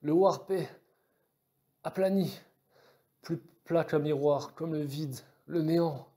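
Trembling, frightened female starship navigator voiced by a male audiobook reader; lifted, urgent delivery with a mellow tone. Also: on the high side, steady tone, quick pace, reverberant, voice pushed up, close to an everyday voice. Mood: terrified. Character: terrified female starship navigator, young adult. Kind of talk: audiobook character voice.

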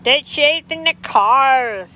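A woman's voice: high voice, lively intonation, takes it slowly, sharp tone, slight background noise. A woman with a Michigan accent, chatting outdoors by a lake and cooing doting baby talk at her puppies. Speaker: dog breeder. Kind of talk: casual chat to puppies and viewers.

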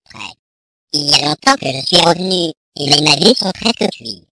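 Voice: mid-range voice, lively intonation, moderate pace, noisy background, lightly acted. A reader voicing a clever little pig in a storybook reading, answering with stubborn, cheeky replies.

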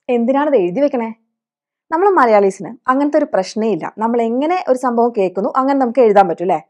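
Malayali woman teaching english, slightly high voice, patient, asks lots of questions. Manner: explains patiently with many rhetorical questions.

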